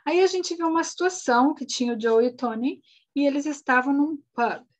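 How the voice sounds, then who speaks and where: Patient woman, English teacher, fairly high voice, spells words out. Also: a little fast. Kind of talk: recorded online lesson recap.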